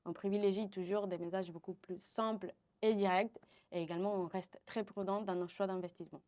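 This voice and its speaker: Here a guest partnership manager, a Venezuelan woman in her 20s, speaks a little fast in a mid-range, darkish voice that stays steady. She responds to interview questions, often using fillers and starting over.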